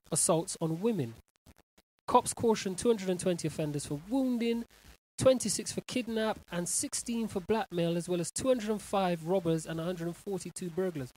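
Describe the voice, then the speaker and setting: Animated man ranting about news. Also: high-pitched, low-quality recording. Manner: animated, incredulous, stumbling over words. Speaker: talk show host.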